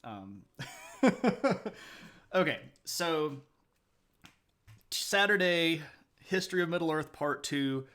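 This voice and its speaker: A man's voice: a little high, lively intonation, slow, long pauses, sharp tone. A man hosting a live stream, chatting casually with viewers, answering their messages aloud and laughing often. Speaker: livestream host.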